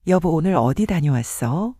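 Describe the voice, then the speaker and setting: A man voicing a remorseful elderly husband around seventy, with plain, halting speech. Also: on the high side, lively intonation, warm tone, no room sound, studio quality.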